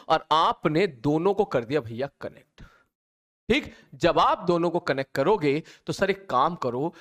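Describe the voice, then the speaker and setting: A man teaching physics, working through capacitor problems step by step and voicing the students' answers himself. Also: high voice. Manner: talks to students directly, mimics their replies. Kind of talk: explaining capacitor problems on a board.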